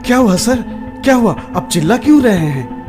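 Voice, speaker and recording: An actor plays a ticket examiner on a train in a horror audio drama. His voice is slightly high, and his tone is calm and sensible. Music plays behind him. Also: normal speed, natural voice. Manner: reassuring, then scared.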